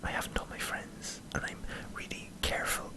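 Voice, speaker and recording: An Irish man in a hesitant, self-deprecating ASMR ramble, speaking in a breathy whisper close to the microphone. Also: moderate pace, rough recording. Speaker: ASMR video creator. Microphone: close microphone in front of a camera.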